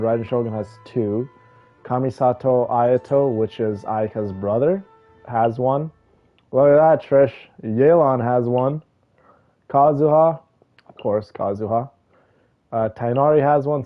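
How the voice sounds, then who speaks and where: A man with a mid-range voice hosts a casual livestream, reading out names and greeting viewers as though they were friends. The audio is dull and lo-fi, with background music playing.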